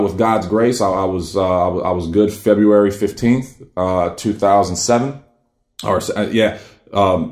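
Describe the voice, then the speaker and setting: A man's voice: on the low side, darkish tone. Earnest rambling man in an echoey room. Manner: rambling, many fillers and restarts, earnest. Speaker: cancer survivor telling his story. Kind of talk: casual personal storytelling.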